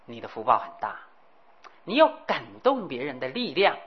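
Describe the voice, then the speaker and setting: Low-voiced woman giving a lively dharma talk. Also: moderate pace. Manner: animated storytelling, acting out dialogue. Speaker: Buddhist teacher. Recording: dull lo-fi recording.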